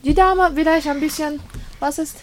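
A woman hosting a studio interview, halting and searching for her words. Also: sits high, fairly even intonation, a little mellow, a little hiss or hum. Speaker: host. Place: radio studio.

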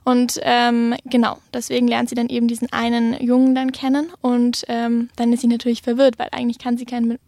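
A woman author talks through her novel in a high voice that stays fairly level. She pauses often and fills the gaps with filler words. The sound is dry and close. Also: completely flat delivery, creaky, warm tone, no echo. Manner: hesitant, frequent filler words. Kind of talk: interview answers and reading aloud.

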